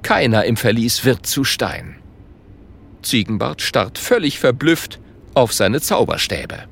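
A man narrating a children's audiobook in a slow, expressive storytelling manner. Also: medium pitch, vocal fry, husky.

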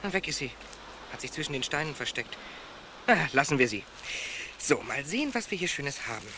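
An actor playing a plucky young reporter-adventurer who talks briskly and exclaims to himself, in a radio play. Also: male voice, mid-range voice, big pitch swings. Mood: musing. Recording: loud background noise.

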